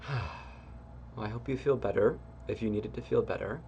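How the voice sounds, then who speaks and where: A man as a spiritual teacher giving guided self-help instruction. He talks in an engaged, expressive, gently encouraging way, with soft laughs and relaxed fillers. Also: lowish voice, quick pace, vocal fry, highs cut off, slight background noise.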